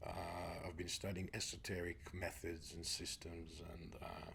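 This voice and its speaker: A man's voice: deep voice, little pitch movement, normal speed, gravelly, fairly bright tone, slight background noise. A middle-aged man from Israel, guest on an interview show, speaking reflectively and often sinking to a near-whisper. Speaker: guest, spiritual teacher.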